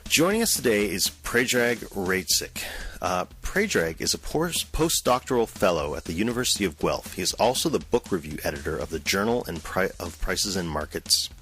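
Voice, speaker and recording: A man hosting an interview podcast, talking in a relaxed, chatty way with many restarts. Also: low-pitched, moderate pace. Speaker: podcast host. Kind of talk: conversational interview.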